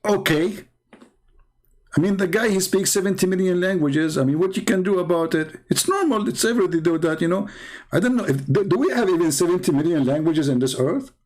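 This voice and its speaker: With a high, darkish voice and lively intonation, a man hosts a casual live stream at a fairly quick pace. He's from the Middle East, speaks Arabic as his first language with a noticeable accent, and argues as a religious apologist in a sarcastic, mocking way, repeating phrases for emphasis.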